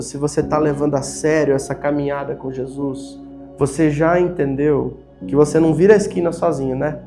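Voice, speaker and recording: A man's voice: a little high, warm tone. A Brazilian man preaching a sermon as pastor, with a Brazilian Portuguese accent, piling up emphatic rhetorical questions. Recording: faint music behind.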